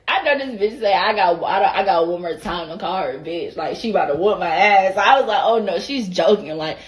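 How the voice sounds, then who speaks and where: A woman's voice: mid-range voice, animated, fairly quick. A young woman with an Atlanta accent tells a casual, profane story, acting out both sides of an argument. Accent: Atlanta Southern American. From Atlanta, USA. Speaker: vlogger.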